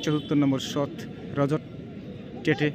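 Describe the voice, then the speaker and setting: A man giving excited live football commentary on a penalty shootout outdoors, repeating names and phrases as he goes. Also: fairly high pitch, unhurried. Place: outdoors at a local football ground. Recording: noisy outdoor field with traffic ambience.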